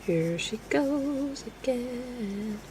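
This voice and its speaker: A young woman hosts a colouring livestream, chatting casually with her live chat as she works, talking to herself and laughing often in a relaxed way. Her voice is a little high, and she speaks extremely slowly. The background is noisy.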